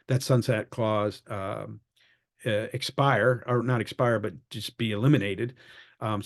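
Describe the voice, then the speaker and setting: An advocacy group leader runs an online meeting, giving a conversational update and fielding questions. His voice is on the low side, and his speech is full of fillers and restarts.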